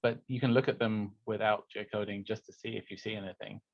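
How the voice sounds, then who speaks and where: Man, course instructor, low voice, dry lo-fi call audio, patient technical explanations. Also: fairly even intonation, fast, creaky, dry recording. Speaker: course instructor answering questions. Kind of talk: online office hours help session. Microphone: video call.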